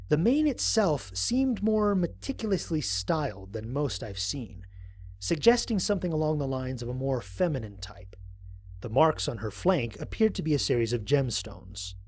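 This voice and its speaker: In a scripted audio drama, a man plays an earnest, observant human space explorer, wryly fond, narrating mission logs in a measured, reflective way. His fairly high voice is slightly husky and a little mellow, with no echo.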